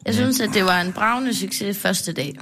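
Woman guest, halting delivery, faint background noise. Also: mid-range voice, a bit bright. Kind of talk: comedy chat.

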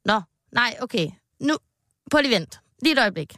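A woman's voice: a little high, lively intonation, pushed and bright, no room sound, studio quality. A woman with a North Jutland accent, a podcast guest who talks hesitantly and plays along. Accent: North Jutland Danish. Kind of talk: casual comedy podcast chat.

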